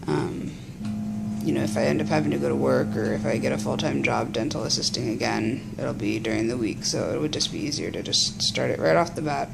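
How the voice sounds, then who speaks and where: A woman talking casually and haltingly in a personal vlog, rambling with a gravelly, creaky voice, recorded on a phone. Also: rumbling low, loud music behind the voice. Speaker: patient vlogging after surgery.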